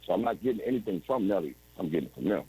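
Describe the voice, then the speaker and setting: As a guest on a video-call interview, a forties-aged man recounts his story in a rambling way, constantly restarting and tossing in "you know what I'm saying." He sounds very animated and races along in a low, husky, warm voice. The recording is rough.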